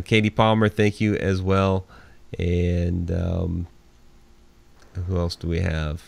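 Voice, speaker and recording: A man in his forties with a low voice and some vocal fry hosts a live radio show, with no room sound in the recording. He reads out listeners' names to thank them and chats in an easygoing, casual way.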